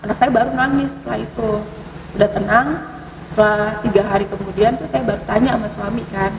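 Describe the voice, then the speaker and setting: A woman's voice: fairly even intonation, brisk. Hesitant woman in an echoey hall. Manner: hesitant, many fillers, sudden rises in pitch. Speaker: podcast guest telling ghost stories. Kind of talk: casual storytelling conversation. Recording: distant mic, echoey hall, noisy.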